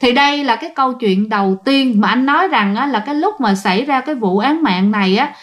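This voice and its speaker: Woman, ghost story narrator, chatty, talks to listeners, high voice. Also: fairly quick. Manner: chatty, addresses listeners directly.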